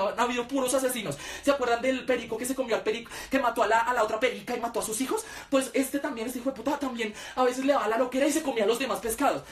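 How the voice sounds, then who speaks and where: A man with a Colombian accent telling a comic story, animated, profane and exaggerated. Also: very high-pitched, a little hiss or hum. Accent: Colombian Spanish. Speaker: vlogger.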